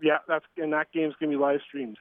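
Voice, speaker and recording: A middle-aged man from Canada heard over the phone from a train, a curling coach and father giving a casual interview, halting with fillers and restarts. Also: on the high side, level tone, dry recording. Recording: tinny phone line.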